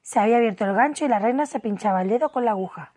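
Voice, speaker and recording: A woman reading a classic storybook aloud in an expressive narrating voice. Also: a little high, racing. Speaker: audiobook reader.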